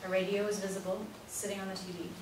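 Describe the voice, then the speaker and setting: Recorded from a distance in a highly reverberant indoor room, with noise in the background, a woman reads stage directions aloud for a play reading. Her medium-pitched voice comes across fast and flat.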